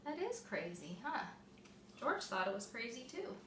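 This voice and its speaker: Like a mother at storytime, a woman with a fairly high voice reads a picture book aloud to young children at normal speed, expressively and explaining things simply. Small children are present in the echoey room, captured by a distant mic with faint noise.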